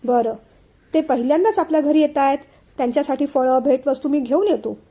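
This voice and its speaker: A woman's voice: high-pitched, brisk, warm tone. A woman voicing a cheerful older father who insists on inviting guests, read in a storybook telling. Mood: hearty. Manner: hearty, insistent host.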